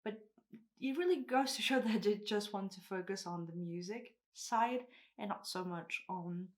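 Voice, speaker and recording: A woman hosts a music reaction video and talks straight to her viewers at a middling pitch. She is thoughtful and hedges her points. She sounds a little breathless and nervous. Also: moderate pace. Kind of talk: casual reaction commentary.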